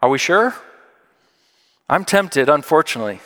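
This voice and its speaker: Male preacher, slightly high voice, conversational and emphatic, big hall echo. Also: expressive, moderate pace, a bit bright. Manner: conversational, emphatic, repeats key phrases. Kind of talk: sermon. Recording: long hall reverb.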